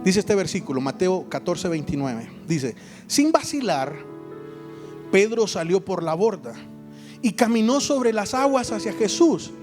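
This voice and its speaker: Honduran pastor, high-pitched, animated storyteller, music playing underneath. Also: male voice, measured pace. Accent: Honduran Spanish. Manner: animated storytelling, acts out voices and jokes. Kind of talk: lively sermon. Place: church hall.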